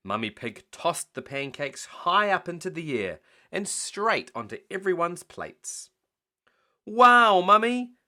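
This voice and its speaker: Reading a picture book to someone at bedtime, a man keeps a slow pace and an expressive delivery, letting his pitch rise and dip with energy.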